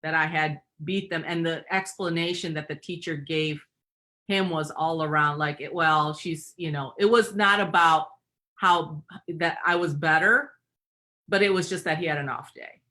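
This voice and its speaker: Speaking at a normal speed with a sharp tone, the middle-aged Michigan-accented woman keeps her voice low and her intonation fairly even. She's a guest from Michigan, USA, sharing personal stories in reflective interview talk peppered with fillers.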